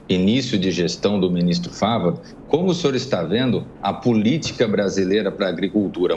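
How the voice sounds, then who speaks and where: A man's voice: sits low, darkish tone, highs cut off, a little hiss or hum. A man asking a formal, long-winded question as a news commentator.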